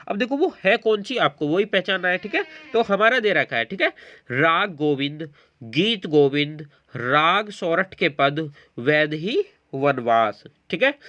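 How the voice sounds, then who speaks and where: Explaining quiz questions for exam prep, a man keeps checking in with the people he's teaching. He speaks in a high, bright, forceful voice, recorded with lo-fi quality.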